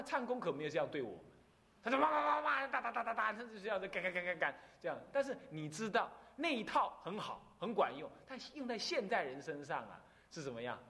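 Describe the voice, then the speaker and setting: A middle-aged man with a Taiwanese Mandarin accent, a Buddhist abbot giving a sermon, animated and full of rhetorical questions and laughter. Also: high-pitched. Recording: lecture hall with long reverb.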